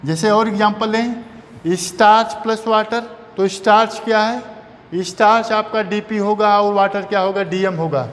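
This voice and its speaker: A man's voice: sits high, fairly even intonation, normal speed. A man teaching a chemistry lesson, repeating terms and asking and answering his own questions. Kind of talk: classroom lecture. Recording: long reverb, faint background noise.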